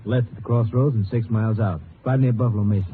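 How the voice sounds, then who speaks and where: A man's voice: on the low side, fairly even intonation, fast talker, natural voice. A man playing an obliging small-town doctor in an old-time radio western, folksy and matter-of-fact in clipped sentences. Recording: muffled, faintly noisy vintage radio recording.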